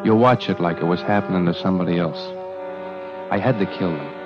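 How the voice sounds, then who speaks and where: A man's voice: low voice, brisk, lightly acted. A man playing a grim, wary carnival showman who narrates his own story in tense, clipped, hard-boiled lines, in an old radio drama. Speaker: narrator and lead character. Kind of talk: 1940s radio acting. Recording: dull lo-fi old radio recording with music.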